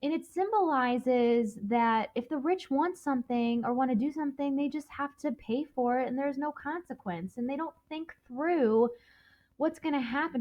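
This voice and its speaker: A woman's voice: high voice, a little mellow. A woman teacher going over a novel with her students, chatty, checking in with "okay?" again and again. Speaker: English teacher. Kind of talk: recorded classroom lesson review. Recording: dull lo-fi audio.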